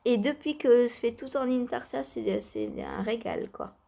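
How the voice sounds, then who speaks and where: Brief: chatty knitting vlogger, woman, slightly high voice, relaxed and giggly. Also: a little slow, gravelly. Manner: chatty, laughs often, many fillers. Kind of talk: casual knitting vlog chat. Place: outdoors or by open door, cool weather.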